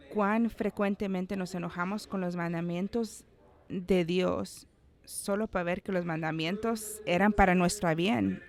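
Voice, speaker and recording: A man's voice: sits high, vocal fry. A man pastor preaching a sermon in a church service in a conversational way, with playful asides to the congregation and little acted-out voices for the people in the story. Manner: acts out quoted voices.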